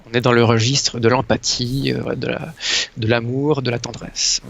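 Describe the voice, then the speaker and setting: Man, astrologer guest, gravelly voice, halting and hesitant, dull lo-fi sound. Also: medium pitch, flat delivery, fairly bright tone, slight background noise. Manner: hesitant, pauses often to search for words. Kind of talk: casual presentation of a chart.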